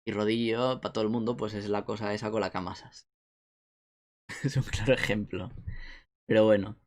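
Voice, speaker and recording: A young man from Spain with an Asturian accent, chatting casually on a live stream and reading chat messages aloud with a joking tone. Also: lowish voice. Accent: Asturian Spanish.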